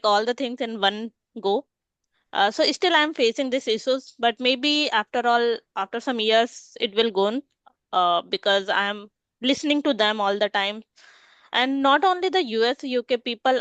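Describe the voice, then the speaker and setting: A woman's voice: a little high, fairly bright tone, clear, resonant tone, dry recording. A woman hosting a casual podcast conversation, speaking earnestly and reflectively with "you know" fillers. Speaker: podcast host.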